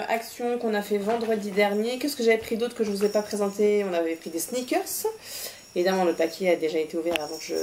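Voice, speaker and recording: A woman's voice: mid-range voice, a little mellow, a little hiss or hum. A woman presenting a shopping haul in a casual, hesitant way, with many fillers and restarts.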